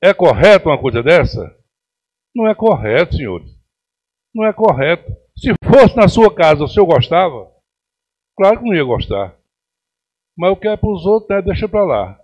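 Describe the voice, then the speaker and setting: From the council chamber podium, a middle-aged councillor with a Pernambuco accent makes a plenary speech, pressing complaints indignantly in a voice a little high for a man. He is very animated, at normal speed with frequent pauses, a little mellow with a breathy edge. The stand mic audio is dull and lo-fi, like a chamber feed.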